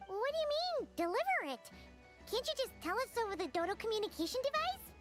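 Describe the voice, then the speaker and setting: A tiny floating girl companion from an anime video game. Her childlike voice is very high and squeaky, leaping up and down with excitement, with music clearly playing behind it. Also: quick pace. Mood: excited, curious.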